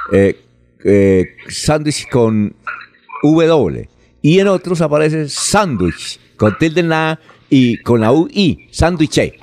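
A man's voice: on the low side, darkish tone, slight background noise. A man hosting a radio show, reading a listener's question politely with hesitant fillers. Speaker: radio host.

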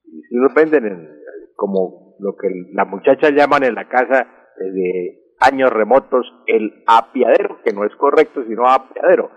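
Husky man explaining words on radio. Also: mid-range voice, expressive, normal speed. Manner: explanatory, repeats words for emphasis. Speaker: language expert answering listener questions. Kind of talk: radio language segment. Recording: dull lo-fi radio recording.

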